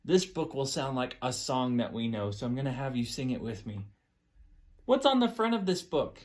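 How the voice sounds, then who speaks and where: Storytime presenter, kindergarten teacher voice: encouraging, simple, drawn-out words for toddlers, medium pitch. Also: big pitch swings. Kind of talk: children's storytime, teaching, reading aloud and singing.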